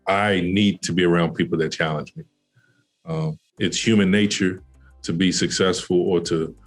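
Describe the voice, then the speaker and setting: A man, a basketball coach, telling a story in a casual podcast interview, with lots of fillers and restarts. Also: deep voice. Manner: animated when retelling conversations. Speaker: college basketball associate head coach.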